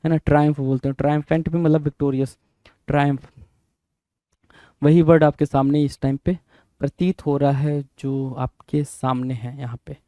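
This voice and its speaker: Dry-voiced teacher drilling vocabulary. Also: male voice, on the high side, level tone, moderate pace, warm tone, no echo. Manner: repetitive, spells words out letter by letter; frequent check-ins with listeners. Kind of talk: exam-prep vocabulary lesson.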